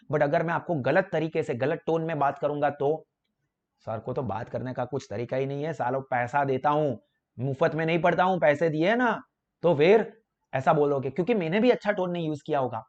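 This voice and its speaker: A fairly high-voiced young man with a Gujarati accent gives a classroom lecture, switching between languages as he explains. He acts out little phone conversations to make his points. The sound is a bit dull and lo-fi. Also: moderate pace. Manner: explains in a lively way, acting out phone chats as examples. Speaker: commerce teacher. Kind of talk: classroom lecture mixing Hindi and English.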